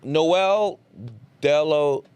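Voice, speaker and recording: A man's voice: on the high side, very slow, darkish tone, clean tone, dry recording. A man hosting a fan podcast, chatting casually with friends and running a giveaway, laughing often. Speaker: podcast host. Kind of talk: casual chat.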